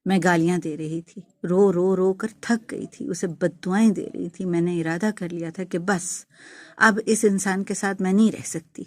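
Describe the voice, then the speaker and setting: A woman's voice: on the low side, fairly even intonation, no room sound. A woman narrating an emotional first-person story in a heartfelt, dramatic way. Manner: heartfelt and dramatic, rising to wailing pleas.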